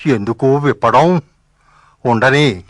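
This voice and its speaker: An actor playing a stern, commanding old male saint who speaks slowly and breaks into angry shouts. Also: no echo, clean studio sound, natural voice. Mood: calm, commanding. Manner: slow, lively pitch, bursts into angry shouts. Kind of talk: devotional drama dialogue.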